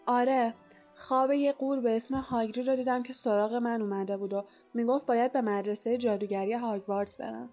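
A woman voicing an eager, anxious young boy wizard in a storybook reading, speaking excitedly and full of questions. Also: a little high, faint music behind, natural voice. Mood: wondering.

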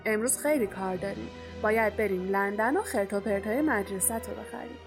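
A woman's voice: mid-range voice, music in the background, close to an everyday voice. Woman doing a drowsy, good-natured giant. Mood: easygoing. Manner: drowsy, easygoing, reassuring. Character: huge, gruff, good-natured male giant.

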